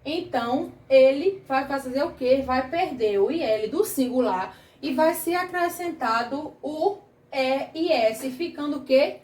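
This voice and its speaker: A woman's voice: high voice, a little slow, darkish tone, echoey room, recorded from a distance. A woman teaching a grammar lesson to children, patient and questioning, stretching out key words, with a Brazilian Portuguese accent. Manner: patient, asks the class questions, drags out words.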